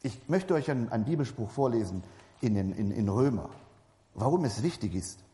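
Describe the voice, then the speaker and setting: Male preacher, warm low-key timbre, loose and chatty sermon delivery, long church-hall reverb. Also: big pitch swings, fairly quick. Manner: conversational, addresses the congregation directly, repeats and corrects himself.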